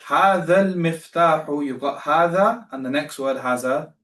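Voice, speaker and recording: A man's voice: on the high side, fairly quick, fairly bright tone, roomy sound, recorded from a distance. A man teaching beginner Arabic in a live online class, patient and repeating himself as he corrects students.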